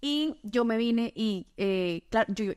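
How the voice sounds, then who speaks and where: A Colombian woman tells her personal faith testimony as a podcast guest, earnest and quick to laugh, often quoting her own words. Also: fairly high pitch, animated, a little mellow, clean tone, dry recording. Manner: earnest storytelling, quick to laugh, quotes herself and God.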